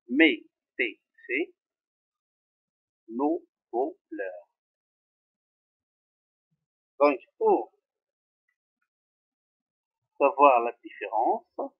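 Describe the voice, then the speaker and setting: A man teaching French grammar to pupils, repeating each example slowly. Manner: slow, repeating examples, very lively pitch. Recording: tinny phone-like sound.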